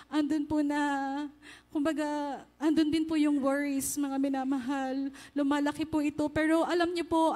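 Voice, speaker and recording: A woman speaks earnestly before her congregation, sharing a church testimony in a high voice. Her pitch stays fairly level as she addresses the listeners again and again. Her words ring out with a long reverb, as in a large church hall. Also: a little mellow. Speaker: church member giving testimony.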